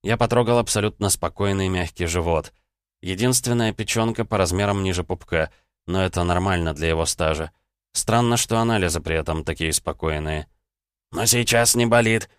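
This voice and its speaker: Deep-voiced male audiobook narrator. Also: a little fast, clear, resonant tone, no echo, clean studio sound. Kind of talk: scripted first-person narration.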